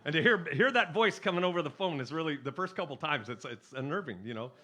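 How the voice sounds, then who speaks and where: Chatty bright-voiced man telling stage stories. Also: fairly high pitch, fast talker. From California. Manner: chatty, jokey, animated, with laughs and restarts. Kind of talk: stage storytelling with jokes. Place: live stage with audience.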